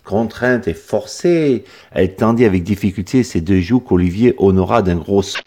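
A man reading a humorous story aloud in a lively, expressive way. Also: low voice, fairly quick. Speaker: narrator.

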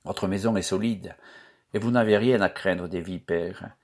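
A man's voice: deep voice, normal speed. Man doing a shy, earnest young charcoal burner. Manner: soft, earnest.

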